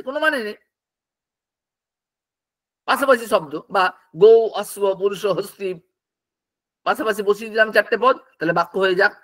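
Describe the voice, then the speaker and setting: A male teacher, lecturing in a high, bright voice. He works through each point with examples and keeps asking his listeners whether they have understood. His delivery is clear and forceful. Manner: explains with examples, asks frequent check questions. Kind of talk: lecture on Sanskrit poetics.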